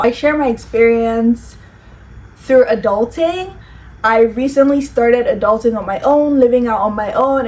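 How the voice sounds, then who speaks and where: A young woman chatting casually on her vlog, giving advice and checking in with "okay?" often. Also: a little high. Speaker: vlogger. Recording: distant mic with faint room noise.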